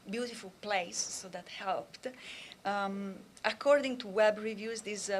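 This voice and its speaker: An Italian language instructor from Italy, a native Italian speaker, gives a conference talk at an even middle pitch. Her measured phrases are often broken by "uh" and "um." A faint hiss runs beneath her voice.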